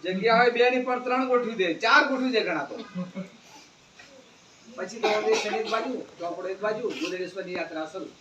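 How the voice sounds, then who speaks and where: Brief: male speaker, animated school talk that quizzes the kids; distant mic with faint background ambience. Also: sits high, moderate pace, reverberant, lo-fi sound, background noise. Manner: animated, asks the children questions. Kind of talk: moral talk to students. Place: school gathering.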